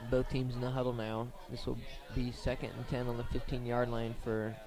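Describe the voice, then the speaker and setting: Covering high school football on the radio, a man with a mid-range voice keeps his intonation steady and contained. He breaks down every play methodically, one step at a time, with pauses between.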